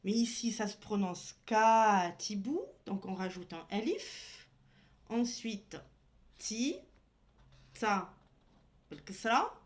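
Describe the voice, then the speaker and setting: Woman teacher, unhurried, patient, walks through letters one by one while writing. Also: medium pitch, expressive. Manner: patient, spells out each letter and sound. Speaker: Arabic teacher. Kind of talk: slow step-by-step lesson.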